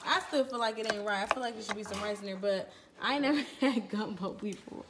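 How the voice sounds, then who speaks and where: A young woman vlogger chatting loudly and playfully while cooking in a home kitchen, teasing her mom. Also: mid-range voice, quick pace. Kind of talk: casual cooking vlog chat. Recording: noisy kitchen with frying sizzle.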